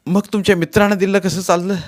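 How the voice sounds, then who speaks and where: A male narrator voicing a young married woman who is hurt and close to tears, speaking higher and louder than his narration. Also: animated, a little slow. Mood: indignant. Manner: pitched up, pleading then indignant.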